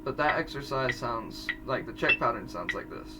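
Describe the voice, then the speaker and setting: A man's voice: mid-range voice, lively intonation, normal speed, loud music behind the voice. Chatty teen guy, far from mic. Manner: chatty, self-correcting, rambling asides. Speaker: drumline student teaching audition exercises. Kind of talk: casual drum tutorial.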